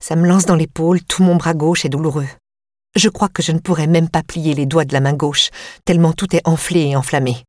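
A blunt, irritable female investigator in pain, read by a woman in an audiobook. Her voice sits low and her words come short and exasperated. The recording is dry and close. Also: steady tone, brisk, darkish tone, no echo. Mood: complaining. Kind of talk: audiobook reading.

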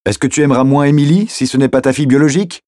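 A man's voice: fairly low pitch, fairly quick, warm tone, slightly rough, no room sound, clean studio sound, voice pushed up. A man voicing a stubborn, wounded widower who insists in a raised voice. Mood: defiant.

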